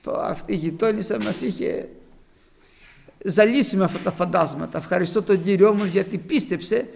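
A man's voice: high voice, gravelly, darkish tone, slight background noise. A man preaching a testimony sermon to his congregation, telling a childhood story with fervent, rising emphasis.

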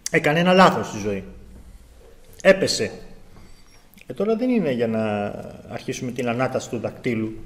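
A man's voice: mid-range voice, lively intonation, pauses often, fairly bright tone. A man in his thirties preaching a sermon, acting out quoted speech with a raised voice.

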